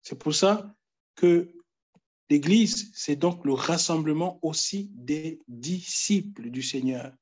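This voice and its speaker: Slow, high-voiced man preaching a sermon. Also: breathy edge. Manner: exhorting, pleading with listeners; repeats phrases with emphatic pauses.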